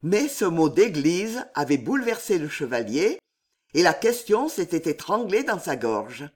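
A reader narrating a historical novel as an audiobook, in a measured, expressive way. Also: mid-range voice.

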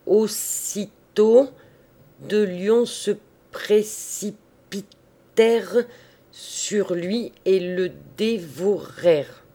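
A reader voicing a little orphan girl who reads aloud slowly and solemnly, stopping at each syllable. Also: medium pitch, warm tone, pitched above the performer's own voice. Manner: slow, halting syllable by syllable. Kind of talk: storybook reading.

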